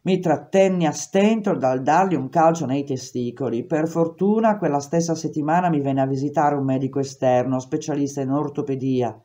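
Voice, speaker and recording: A woman reading a memoir aloud in steady, measured first-person narration. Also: low voice. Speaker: reader.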